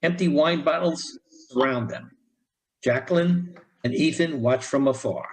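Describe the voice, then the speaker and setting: A man reading the stage directions aloud in an amateur play, with a plain, even delivery. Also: a little high, unhurried, poor audio. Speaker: narrator.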